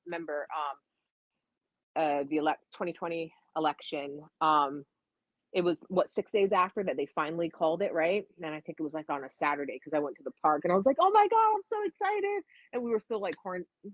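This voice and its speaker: A woman's voice: on the low side, dry recording. A woman hosting a live stream, talking casually and animatedly, swearing freely. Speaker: livestream host. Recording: dry, dull lo-fi stream audio.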